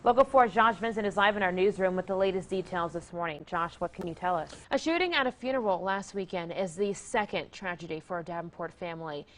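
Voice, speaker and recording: A woman in her twenties anchoring and reporting TV news, reading stories crisply and bantering upbeat with co-hosts. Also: fairly low pitch, quick pace, few pauses.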